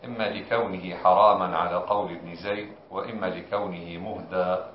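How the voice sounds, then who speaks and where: A man reading a classical commentary text aloud in a measured, formal recitation. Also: low voice, fairly even intonation, slight background noise. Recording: echoey dull lo-fi room.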